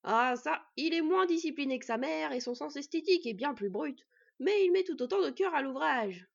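A woman voicing a gruff, hearty male dwarf blacksmith who talks loud and booming, in a storybook reading. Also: lively intonation, moderate pace. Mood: booming, jovial. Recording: dull lo-fi recording.

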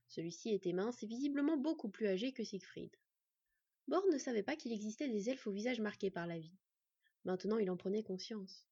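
A woman reading a fantasy novel aloud in an expressive storytelling way, in a dull, dry recording. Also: on the high side, breathy edge, dry recording. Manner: expressive storytelling, acting out the characters. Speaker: audiobook narrator.

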